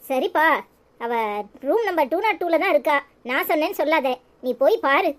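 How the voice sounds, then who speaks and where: Brief: hushed, confiding cartoon woman doctor, as voiced by an actor, Tirunelveli Tamil, very high pitch. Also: expressive, normal speed. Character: female hospital doctor, worried and discreet.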